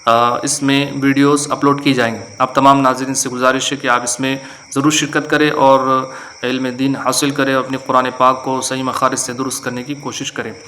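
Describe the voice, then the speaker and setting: A man with a Pakistani Urdu accent teaching a religious lesson and stretching out letter sounds slowly, with filler pauses. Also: medium pitch, level tone, bright, forceful tone, a little hiss or hum. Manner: slow drawn-out letter recitation with frequent filler pauses. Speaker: Quran reading teacher. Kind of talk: religious lesson with Arabic invocations.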